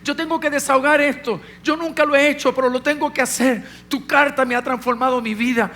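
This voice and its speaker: A man's voice: very high voice, fairly even intonation, brisk, bright, forceful tone, voice pushed up. A man voicing a remorseful older father who pleads with his son for forgiveness during a sermon story. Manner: pleading, repeated apologies.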